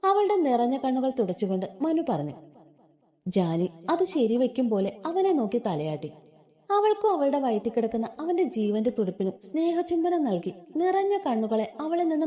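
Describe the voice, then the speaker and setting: A woman narrating a romantic family story in an expressive storytelling manner. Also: fairly high pitch.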